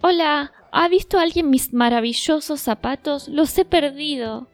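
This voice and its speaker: A woman voicing a cheerful young female pop singer in a storybook, eager and bright. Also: high voice, unhurried, no echo, soft background music, pitched above the performer's own voice. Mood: plaintive.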